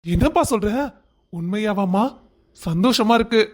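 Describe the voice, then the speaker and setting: A man voices a warm-hearted old father-in-law, gentle, high-pitched for a man. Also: moderate pace. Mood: reassuring. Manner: gentle, reassuring. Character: kind elderly father-in-law, gentle and protective.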